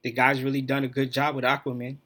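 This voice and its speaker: A man's voice: medium pitch, monotone, fast talker, a bit bright. A man hosting his own podcast, talking alone in a blunt, profane, opinionated rant. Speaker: podcast host.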